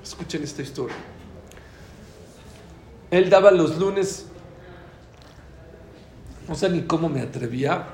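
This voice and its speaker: A man with a Mexican accent telling a story in a talk, acting out the dialogue with lively changes of voice. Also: fairly high pitch, takes it slowly, long pauses, a little hiss or hum. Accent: Mexican Spanish. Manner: animated, acts out quoted dialogue. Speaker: speaker giving a talk. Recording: echoey room.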